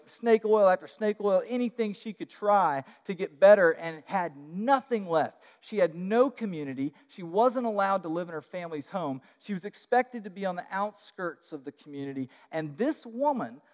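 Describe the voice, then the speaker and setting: A man preaching a sermon, telling the story in an animated way with frequent fillers and restarts. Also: high-pitched, long reverb tail.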